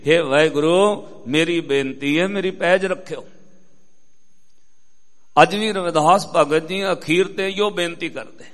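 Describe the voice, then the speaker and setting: A male Sikh preacher giving a sermon to the congregation, slowing down to intone scripture verses between spoken passages. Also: on the high side, a bit bright. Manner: slows and intones scripture lines, addresses the congregation directly. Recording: long hall reverb.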